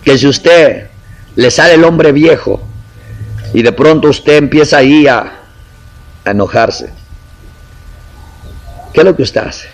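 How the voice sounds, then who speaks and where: A man's voice: a little high, takes it slowly, pauses often, rough recording. A man preaching a sermon in a conversational way, acting out little quotes and asking the congregation questions.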